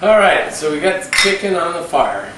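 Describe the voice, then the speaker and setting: A man's voice: high-pitched, very animated, normal speed. A man chatting casually as co-host of a cooking show, bantering like a buddy in a laid-back way. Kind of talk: casual chat. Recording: roomy, distant mic with background noise.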